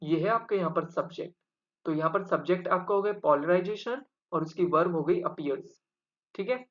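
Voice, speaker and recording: A man's voice: sits high, normal speed, dull audio. A man teaching an exam-prep English grammar lesson, explaining step by step and quizzing his viewers with rhetorical questions.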